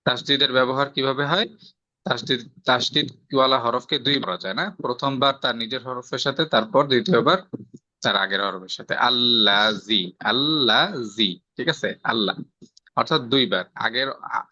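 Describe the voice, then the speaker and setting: Bangladeshi guy teaching tajweed, super bright crisp voice, dry kinda dull recording, keeps asking "right?". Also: medium pitch, dry recording. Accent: Bangladeshi Bengali. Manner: explains step by step, checks for understanding with rhetorical questions. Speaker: Quran recitation teacher. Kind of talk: patient tajweed lesson, quizzing a student. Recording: slightly dull, dry lo-fi sound.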